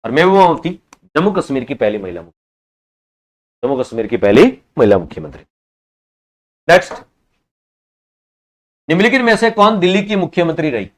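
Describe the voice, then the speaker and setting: A man with a sing-song voice on the high side teaches exam prep online. He quizzes students and repeats every answer, sometimes scolding those who reply slowly.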